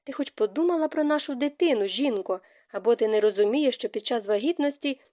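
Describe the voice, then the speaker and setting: A woman's voice: a little high, a little fast, warm tone, dry recording, clean studio sound, lightly acted. A woman voicing an anxious, stern young nobleman husband in an audiobook, speaking urgently and insistently. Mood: angry.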